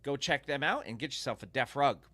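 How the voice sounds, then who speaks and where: A man's voice: mid-range voice, animated, fairly quick, sharp tone, dry recording. A man co-hosting a podcast, chatting loosely, laughing and reading sponsor spots. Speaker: podcast co-host. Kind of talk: casual chat and sponsor reads.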